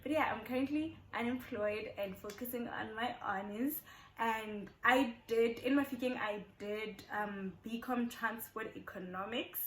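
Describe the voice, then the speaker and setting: In an echoey room with a little hiss or hum, a South African YouTuber in her twenties talks casually to her channel, getting viewers to know her. Her voice is fairly high and a little slow, and she repeats points to stress them.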